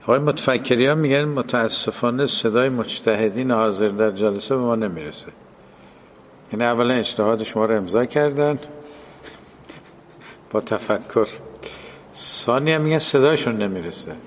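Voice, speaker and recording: A man's voice: mid-range voice, long pauses. Guy giving a lecture, explains line by line, slight room hum, long hall echo. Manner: explanatory, quotes and translates Arabic phrases. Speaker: religious lecturer. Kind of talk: classroom lecture.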